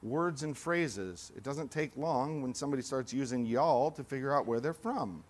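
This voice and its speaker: A man preaching a sermon at a middle pitch, swinging from loud, emphatic lines to hushed, low asides. He raises his voice to act out accusers, then drops back to a quiet, sober tone. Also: normal speed. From California. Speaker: pastor.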